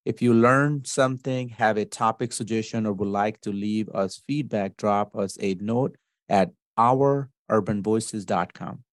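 A man's voice: lowish voice, a little slow, dry recording, clean studio sound. A man hosting a podcast interview, easygoing and informal. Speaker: podcast host.

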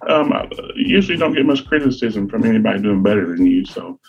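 A man's voice: fairly low pitch, animated, quick pace, gravelly, a little mellow, dull audio. A middle-aged man from Virginia, telling folksy, self-deprecating stories as a podcast co-host. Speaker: guest co-host, sales rep. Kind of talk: casual podcast chat.

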